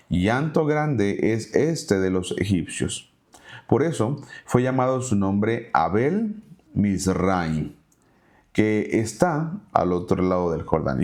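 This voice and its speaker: A man's voice: on the low side, a little mellow. A man teaching a Bible study, reading verses aloud and then retelling them in casual everyday words. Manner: reads scripture aloud then paraphrases it conversationally.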